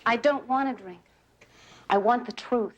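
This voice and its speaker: A woman acts a loving wife in a television crime drama. Her voice sits fairly high, and she pleads with an anguished, devoted urgency. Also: unhurried, natural voice. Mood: loving, pleading. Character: loving but anguished wife demanding the truth.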